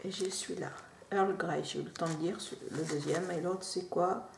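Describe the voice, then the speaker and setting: A woman chatting casually through an unboxing, drifting into soft quiet asides. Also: on the low side, fairly even intonation, normal speed, gravelly. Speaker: unboxing vlogger. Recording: roomy echo, faint noise.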